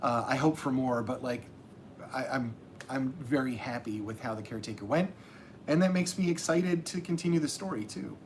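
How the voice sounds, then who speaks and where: A man's voice: medium pitch, normal speed, slight background noise. A man hosting a casual livestream as a self-published author, talking in a rambling way with many restarts.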